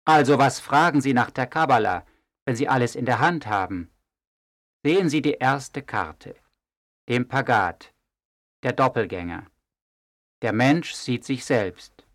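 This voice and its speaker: An actor playing a calm, wise archivist who speaks measured and gently ironic. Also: male voice, mid-range voice, no echo, studio quality. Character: calm wise male archivist, mild and teasing. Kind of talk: audio drama acting.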